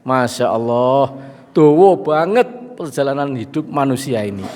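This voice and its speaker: A middle-aged man with a Javanese accent preaching a lively sermon to a gathering, chatting with and joking with the audience. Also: fairly high pitch. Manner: lively, mixes in Javanese phrases and jokes with the audience. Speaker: Islamic preacher. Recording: long hall reverb.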